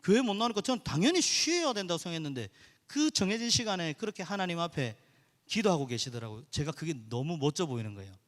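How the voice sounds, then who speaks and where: A man's voice: fairly high pitch, quick pace. A male pastor, telling a personal story in an earnest sermon to his congregation in a church sanctuary. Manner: earnest, animated storytelling, addresses the congregation directly. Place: church sanctuary during a midweek service. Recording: reverberant church hall.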